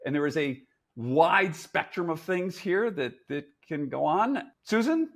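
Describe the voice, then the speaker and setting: A man in his sixties hosts a relaxed panel conversation, prompting his co-hosts with questions. His voice is slightly husky and rides up and down in lively swings, sitting a little high for a man. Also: unhurried. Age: 60s. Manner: animated, asks questions to move the talk along. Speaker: host. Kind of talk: casual panel chat.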